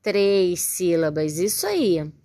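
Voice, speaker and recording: A Brazilian woman teaches young children, taking her time and breaking each word into careful syllables. She speaks slowly and keeps praising the class. Her voice is close and dry, with no room sound. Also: lowish voice, very animated, dark tone, no room sound. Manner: patient, spells words out syllable by syllable, frequent praise. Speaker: primary school teacher. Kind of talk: recorded remote lesson for young children.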